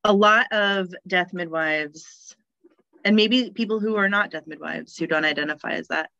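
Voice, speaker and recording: A woman's voice: lowish voice, normal speed, creaky, pushed and bright, no room sound, highs cut off. A woman, a death midwife talking in a casual podcast conversation, cheerful and full of fillers. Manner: chatty, cheerful, laughs often, many fillers.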